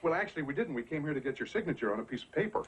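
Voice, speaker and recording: A hearty, exasperated sea captain from a 1970s TV comedy, fairly high and very lively in pitch, booming out fond scoldings. A clear hiss runs under the dated TV sound. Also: male voice, racing. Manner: booming, scolding a friend fondly.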